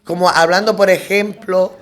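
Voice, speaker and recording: A middle-aged woman speaking as a guest in a round-table radio conversation. She tells her story lively, slipping into the voices of the people she quotes. Her talk rambles, with restarts and repeated words for emphasis. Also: on the low side, normal speed. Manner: lively storyteller who acts out quoted dialogue.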